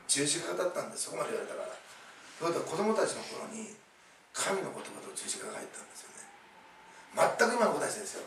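A man's voice: on the high side, gravelly, background noise. A middle-aged man, a pastor telling a story in a chatty sermon and often adding "ne". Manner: chatty, laughing asides, tag-question "ne". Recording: echoey hall, distant mic, faint ambience.

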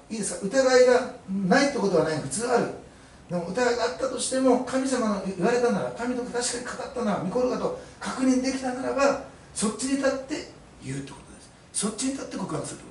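A man's voice: very high voice, big pitch swings, quick pace, a little hiss or hum. A male pastor preaching a sermon to his congregation, emphatic and fond of rhetorical questions, recorded in an echoey church hall from a distance. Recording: echoey room, mic at a distance.

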